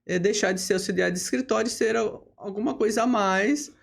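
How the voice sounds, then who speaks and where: A woman tells her own story as a podcast guest. Her voice has a gravelly, fried edge, and she speaks steadily. She keeps checking in with little tag questions and pauses to fill gaps. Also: mid-range voice. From Brazil. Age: 50s. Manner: steady, with frequent tag questions and hesitation fillers. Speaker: lawyer and bar association leader, podcast guest. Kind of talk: relaxed interview storytelling.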